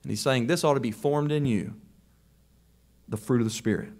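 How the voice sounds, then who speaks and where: A man's voice: mid-range voice, normal speed, a little mellow. A man preaching a sermon to a congregation, emphatic, often rising on pointed questions.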